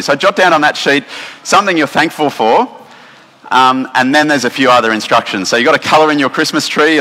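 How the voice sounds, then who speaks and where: Male Australian pastor, bright-toned, relaxed chatty sermon delivery, long church hall reverb. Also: medium pitch. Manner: relaxed, chatty, many fillers and restarts. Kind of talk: casual sermon with instructions for children.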